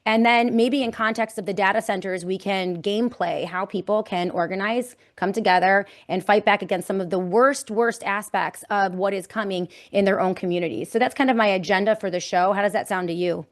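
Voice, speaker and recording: A woman's voice: mid-range voice, fairly even intonation, brisk, hardly any pauses. A woman hosting a political talk show, speaking in an emphatic, campaigning way. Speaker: host.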